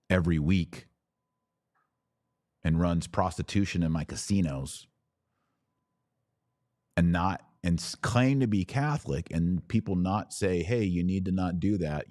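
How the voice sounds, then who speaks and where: This low, slightly mellow male voice belongs to an American podcast host offering conversational religious commentary. He is emphatic and often falls into short repeated phrases, captured in clean studio sound with no room tone.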